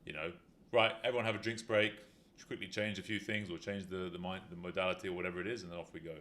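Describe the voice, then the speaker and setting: A man's voice: deep voice, steady tone, rapid-fire, pushed and bright, slight background noise. A man hosting a fitness talk show, explaining things in a rambling casual chat full of fillers. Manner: rambling, explanatory, many "you know" fillers. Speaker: fitness talk show host, injury rehab specialist.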